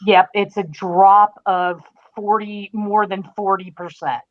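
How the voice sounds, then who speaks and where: A woman speaks emphatically as a guest critic in a casual podcast discussion, stretching out the phrases she stresses. Her mid-range voice is flat and slow, and the call audio is dull and lo-fi with slight background noise.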